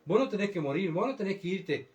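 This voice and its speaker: Pastor acting out a pleading disciple, slightly raised voice. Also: male voice, high-pitched, expressive, fairly quick, voice pushed up. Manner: pleading, repeating "no". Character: pleading anxious disciple Peter, adult man. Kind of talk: sermon.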